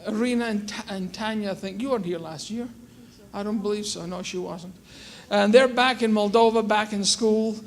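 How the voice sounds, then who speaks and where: High-voiced Scottish man preaching. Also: moderate pace. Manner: lively, joking, exclaiming. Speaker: guest speaker, missionary. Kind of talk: church talk with humor. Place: church sanctuary.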